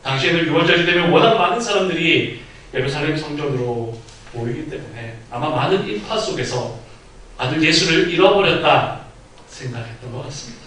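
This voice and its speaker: A man's voice: fairly high pitch, animated, a little fast. Echoey storytelling male preacher. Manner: storytelling preacher, acts out quoted speech with sudden loud outbursts. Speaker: pastor. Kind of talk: sermon. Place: church sanctuary. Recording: very echoey hall, mic at a distance.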